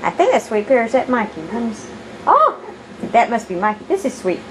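A woman cooing affectionate baby talk to her puppies at home, with giggles and high squeals. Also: big pitch swings, quick pace, a little mellow, poor audio. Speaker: dog breeder filming her puppies. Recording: home video with background noise and dogs.

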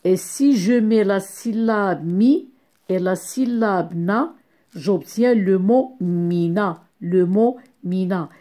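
A woman teaching a young class, speaking slowly and deliberately, repeating each sound and syllable and praising the pupils warmly. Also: mid-range voice. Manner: encouraging, addresses pupils as "my dear ones". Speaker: primary school teacher. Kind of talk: slow classroom phonics lesson.

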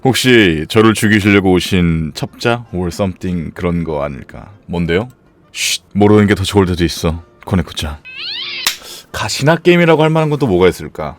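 A man streaming live, chatting casually and joking in an absurd, rambling way. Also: low-pitched. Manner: playful, absurd rambling jokes.

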